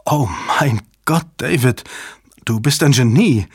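A man reading an audiobook, voicing a tense, quick-witted woman cryptographer in a raised, insistent voice. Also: medium pitch, husky, no room sound, clean studio sound. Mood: urgent. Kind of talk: audiobook character voice.

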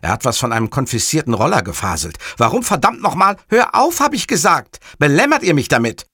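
A man voicing a grumpy, short-tempered male police commissioner who speaks bluntly and gruffly. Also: mid-range voice, very animated, fast talker, a bit bright, no room sound, clean studio sound, exaggerated voice. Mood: irritated gruff.

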